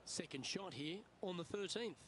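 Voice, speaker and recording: A man's voice: high voice, moderate pace, a bit bright, a little hiss or hum. A man working as a golf commentator, calling shots and scores in tournament commentary.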